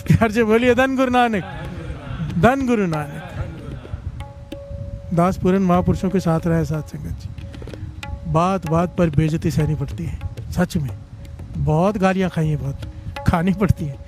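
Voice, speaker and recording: A man preaching a devotional storytelling sermon to a congregation, exhorting them to call and respond and rising in pitch as he urges them on. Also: unhurried, pauses often, soft background music. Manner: animated, rises in pitch on exhortations. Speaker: Sikh katha preacher. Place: religious gathering before a congregation.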